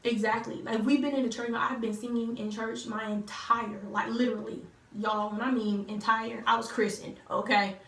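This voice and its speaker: A teenage woman tells a relationship story to her viewers, talking in a loose, chatty way and slipping into other people's voices. Her voice sits a little high. She is recorded from a distance in an echoey room with a faint hiss. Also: little pitch movement, moderate pace, gravelly, hardly any pauses. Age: teens. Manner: chatty, lots of fillers, acts out quotes. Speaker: vlogger telling a couple's story. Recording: roomy echo, distant mic, faint noise.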